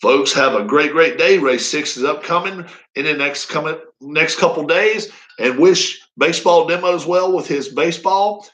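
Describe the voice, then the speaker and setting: A man's voice: a little high, moderate pace, few pauses, a bit bright, rough recording. A man in his fifties chatting casually on a live stream, rambling and folksy with frequent chuckles. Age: 50s. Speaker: racing league streamer.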